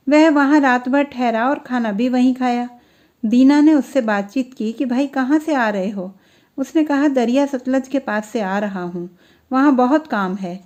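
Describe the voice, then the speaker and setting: A woman narrating a classic story in Hindi, reading it out in a steady, measured storytelling manner with soft drops at the end of her sentences. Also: sits high.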